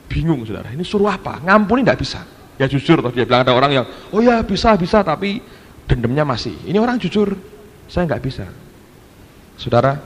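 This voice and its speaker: A male pastor telling a story in a sermon, animated and acting out quoted voices. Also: medium pitch. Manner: animated, switches into quoted voices, addresses the congregation as "saudara". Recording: echoey hall with faint background noise.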